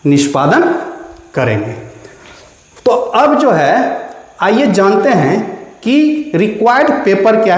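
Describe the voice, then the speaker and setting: A man explaining an online application process step by step, addressing viewers as friends. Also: high-pitched. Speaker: explainer of online land-record services. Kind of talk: spoken tutorial. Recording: very echoey room with long reverb.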